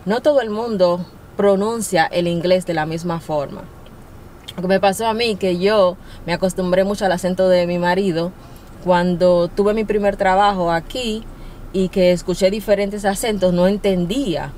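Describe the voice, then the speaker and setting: A woman's voice: on the low side, fairly even intonation, normal speed, darkish tone, a little hiss or hum. A young adult woman giving casual, encouraging language-learning tips as a vlogger, often laughing as she talks. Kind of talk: casual to-camera advice talk.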